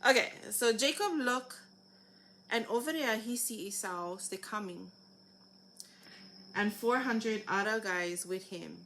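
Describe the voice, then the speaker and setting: Slow-talking woman with Hawaiian Pidgin accent. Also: medium pitch, fairly bright tone, slight background noise, poor audio. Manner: halting, informal reading with re-readings. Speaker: host reading aloud. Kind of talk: Hawaiian Pidgin Bible story reading.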